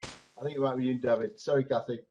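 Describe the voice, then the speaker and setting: A man's voice: mid-range voice, steady tone, quick pace, warm tone, a little hiss or hum. A middle-aged man chairing an informal meeting, hesitant and often repeating his words. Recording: dull lo-fi video call audio.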